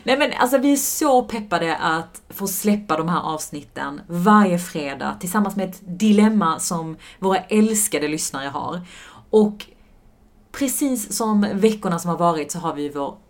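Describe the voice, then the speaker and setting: A woman's voice: fairly low pitch, animated. A woman co-hosting a podcast, chatting casually in an upbeat, giggly way with lots of filler words and running a sponsor read. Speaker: podcast co-host.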